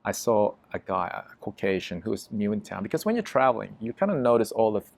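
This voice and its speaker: A low-pitched man with a gravelly edge tells a story as a podcast guest. He is emphatic and vivid, swearing freely as he goes. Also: big pitch swings, quick pace. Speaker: interview guest.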